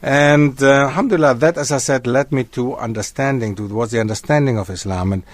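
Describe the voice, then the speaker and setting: A man who grew up in Germany, a guest historian on a radio talk show, lecturing in an animated way that wanders from point to point. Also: medium pitch, brisk, dry recording. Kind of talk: radio discussion. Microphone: studio microphone.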